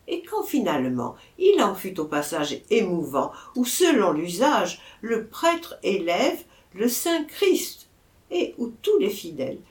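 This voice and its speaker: A woman reading a folk tale aloud with animated storybook narration and dramatic pauses. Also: medium pitch, roomy sound. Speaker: audiobook reader.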